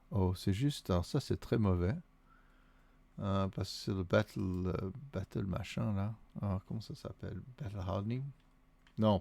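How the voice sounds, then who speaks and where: A man's voice: low voice, gravelly, warm tone, no room sound. A man with a Vaudois Swiss accent, thinking aloud and counting under his breath as he plays through a solo board wargame. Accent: Vaudois Swiss French.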